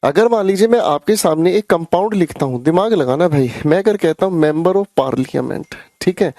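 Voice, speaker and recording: A man teaches grammar in a chatty, teasing way, calling out to his students by name. His voice sits a little high but sounds mellow and warm. The room is small and dry, with no echo. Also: expressive, moderate pace. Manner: chatty, teasing, addresses students as beta and bhai. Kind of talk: live online class.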